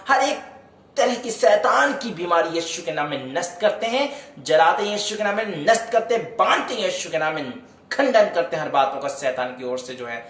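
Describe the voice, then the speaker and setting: A man with a high, slightly bright voice preaches a devotional sermon in a roomy-sounding space. He fervently urges his beloved listeners, then prays aloud for healing, with worship singing woven into the service.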